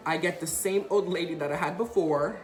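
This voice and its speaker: A man's voice: a little high, brisk, reverberant, soft background music. A young man vlogger telling a story casually, acting out the quotes with energy. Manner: animated, acts out quotes.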